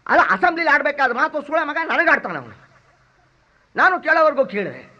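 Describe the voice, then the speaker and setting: A cheeky, loud comic servant. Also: male voice, very high voice, big pitch swings, exaggerated voice. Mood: mocking. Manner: rapid strings of abusive insults, mocking mimicry. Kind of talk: stage comedy drama acting. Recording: dull lo-fi drama recording.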